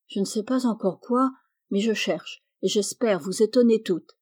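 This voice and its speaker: A spirited teenage girl full of grand dreams, read aloud by a woman, eager and ambitious. Her voice sits warm and mellow at a middle pitch. A storybook reading. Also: moderate pace, husky, lightly acted.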